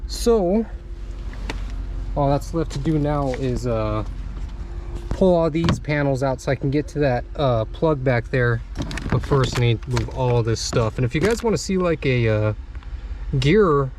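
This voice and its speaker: A young man narrates his truck radio install for viewers, chatting easily and stopping often on "uh." A camera mic that moves closer and farther picks up his mid-pitched voice, with a little background noise underneath.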